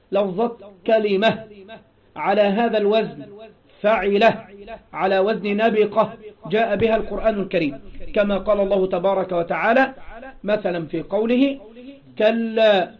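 A man's voice: high voice, dull audio. A man with an Egyptian accent teaching classical Arabic grammar, explaining step by step and asking rhetorical questions to his students.

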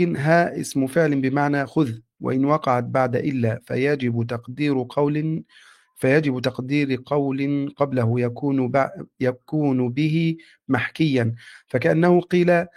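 Man reading a classical text aloud. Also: medium pitch. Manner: steady, respectful recitation. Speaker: student reading a text to his teacher.

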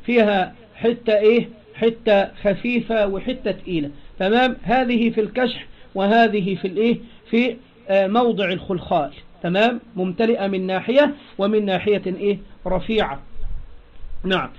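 A man with a high-pitched voice and an Egyptian Arabic accent teaches a grammar lesson. He explains step by step and keeps drawing answers from his listeners with prompting questions. The recording is dull and lo-fi. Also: moderate pace.

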